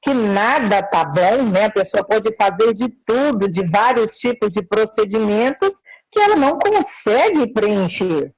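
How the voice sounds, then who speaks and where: A woman's voice: mid-range voice, expressive, breathy edge. Woman on a choppy, crackly call line. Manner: slow, measured, speaks of faith. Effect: choppy, breaking-up lo-fi call line. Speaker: interview guest. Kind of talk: live interview over a call. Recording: dull lo-fi call audio.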